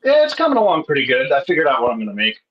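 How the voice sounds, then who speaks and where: A man's voice: mid-range voice, wildly swooping pitch, very fast, muffled recording. A man bantering casually in a group chat. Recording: faint background noise and clicks.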